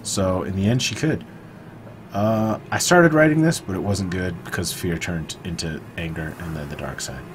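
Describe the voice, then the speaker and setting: A man's voice: low voice, moderate pace, noisy background. Crude joking man playing a game. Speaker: video game player. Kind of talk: let's play commentary.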